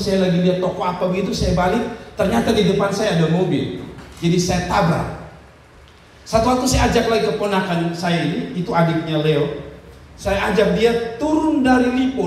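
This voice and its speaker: A man's voice: high-pitched, moderate pace, a little mellow. A man from Indonesia, preaching a sermon in a direct, scolding way, repeating phrases and calling out to the congregation. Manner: calls out to the congregation with "saudara" and "amin". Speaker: pastor. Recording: echoey hall recorded from far off, faint ambience.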